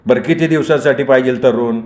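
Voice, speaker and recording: A man's voice: mid-range voice, fairly quick, darkish tone, lightly acted. A man voicing a frightened, pleading corrupt male official in a storybook reading. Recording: roomy echoey recording.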